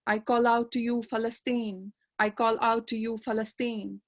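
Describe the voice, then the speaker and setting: A woman from Kashmir, reading her poetry aloud in a measured, lyrical way on a panel discussion held over a video call. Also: a little high, flat delivery. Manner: measured, lyrical recitation with repeated refrains. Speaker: poet and panelist.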